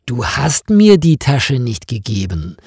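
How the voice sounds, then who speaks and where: A man's voice: medium pitch, big pitch swings, slow pace, a little mellow, husky, dry recording, clean studio sound, full character voice. A man reading a story voices a confused husband, asking surprised questions in a slightly raised voice. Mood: baffled. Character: baffled husband, calm but confused.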